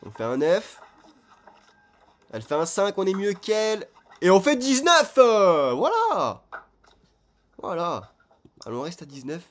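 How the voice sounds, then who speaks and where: A man streaming online casino games, chatting straight to his viewers in an excitable, casual way. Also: high voice, unhurried, pauses often. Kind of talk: casual gambling commentary.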